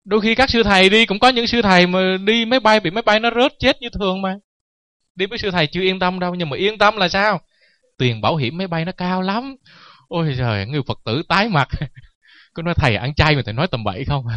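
A man's voice: high voice, sharp tone, no room sound. A man who is a Buddhist monk giving a sermon, telling stories with jokes and laughing at them. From Vietnam. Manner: joking, anecdotal, laughs at his own stories. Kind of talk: dharma talk sermon.

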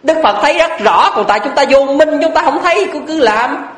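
A man's voice: extremely high pitch, lively intonation, brisk, fairly bright tone. Give me a male monk preaching earnestly, voice echoing in a hall. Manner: earnest, blunt, emphatic with rhetorical questions. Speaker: Buddhist monk. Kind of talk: dharma talk. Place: lecture hall. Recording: echoey hall.

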